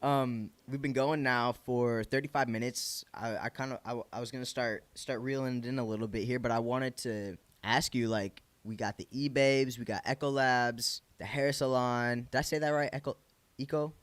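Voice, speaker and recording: A man's voice: medium pitch, steady tone, normal speed, no room sound. Male podcast host, Michigan accent, informal and encouraging, slangy interview chat, close dry sound.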